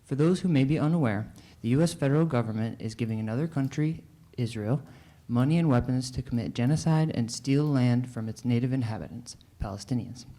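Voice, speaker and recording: A man's voice: medium pitch, brisk, hardly any pauses. A man from New Hampshire giving an earnest, prepared public comment at a city board meeting. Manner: earnest, steady prepared statement. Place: city council meeting room.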